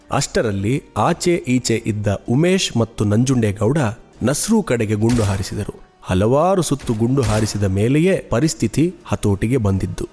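A man narrating a true-crime podcast in a measured, steady storytelling voice. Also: medium pitch, breathy edge.

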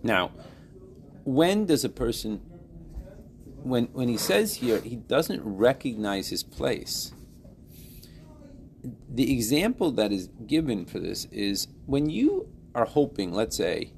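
Animated man teaching a class. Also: medium pitch, slow pace, creaky, long pauses, a little hiss or hum. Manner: animated, playful sports examples, builds to emphatic points. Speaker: Torah teacher. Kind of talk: classroom lesson.

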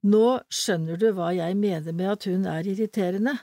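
A woman's voice: mid-range voice, warm tone, no room sound, clean studio sound, lightly acted. A woman reading as an eager schoolgirl friend. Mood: pleading. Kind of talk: storybook reading.

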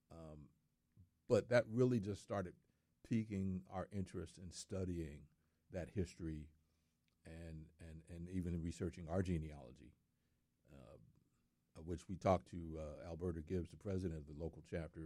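A man's voice: deep voice, warm tone, no room sound. A middle-aged man in casual studio talk, speaking earnestly and repeating words for emphasis.

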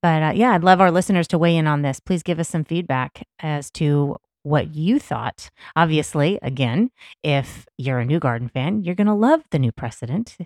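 A woman's voice: low voice, animated, moderate pace, a little mellow, dry recording, clean studio sound. A woman co-hosting a podcast, chatting casually with short, upbeat remarks and light teasing. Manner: brief, upbeat interjections, teasing. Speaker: podcast co-host.

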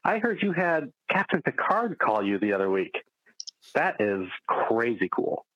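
A man's voicemail played back, muffled and lo-fi as it comes through the speakers. He is a fellow podcaster calling in, chatty and easygoing, rambling with fillers and soft chuckles along the way. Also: mid-range voice, very animated, measured pace, no room sound. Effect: played-back voice message. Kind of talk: casual recorded voicemail. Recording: dull lo-fi voicemail playback.

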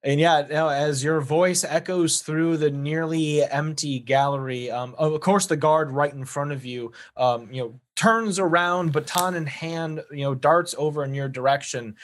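A man's voice: a little high, unhurried, hardly any pauses. Laid-back male game master. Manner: laid-back, filler-heavy. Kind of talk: narrating a tabletop game.

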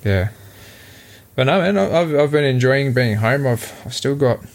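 An Australian man, a young adult, co-hosting a podcast in relaxed, rambling casual chat over a remote call. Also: mid-range voice, normal speed. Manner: relaxed, rambling with fillers and restarts. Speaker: podcast co-host.

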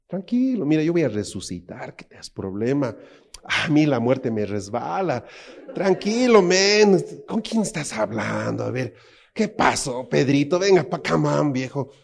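A man preaching in Spanish, voicing a relaxed, teasing figure who comforts a friend in drawn-out street slang. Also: fairly high pitch, creaky, heavily acted. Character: laid-back, slangy man calmly reassuring a friend.

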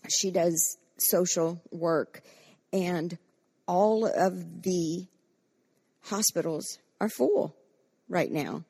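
A woman's voice: fairly low pitch, drawn-out words, vocal fry, pauses often, warm tone, husky. A woman pastor preaching a fervent sermon and leading corporate prayer, acting out quoted voices with frequent restarts.

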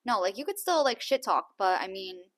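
Bright-voiced, emphatic young woman chatting. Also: medium pitch, big pitch swings, brisk. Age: young adult. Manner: emphatic, opinionated, profane. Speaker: podcast co-host. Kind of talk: casual chat.

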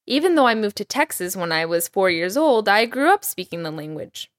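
A woman born in Iran whose first language is Persian, teaching a scripted podcast language lesson with clear, upbeat delivery and slow modelling of words. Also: mid-range voice, big pitch swings, no echo, studio quality.

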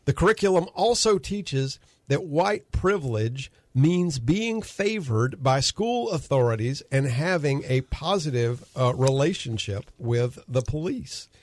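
Folksy talk radio host. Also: male voice, medium pitch, expressive, measured pace, few pauses, no echo. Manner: folksy, sarcastic, lots of fillers. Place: radio studio. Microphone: studio microphone.

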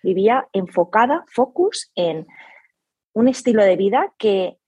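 A woman's voice: medium pitch, expressive, a little slow, warm tone, husky, no room sound. A woman, the owner of a pilates studio, talking reflectively in a casual interview, with many hesitations and restarts.

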